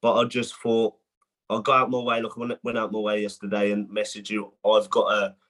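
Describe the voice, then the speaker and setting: A man, a boxer talking as a podcast guest in a halting way full of restarts. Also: lowish voice, monotone, a bit bright. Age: 20s. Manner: halting, many restarts and fillers. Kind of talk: casual podcast chat.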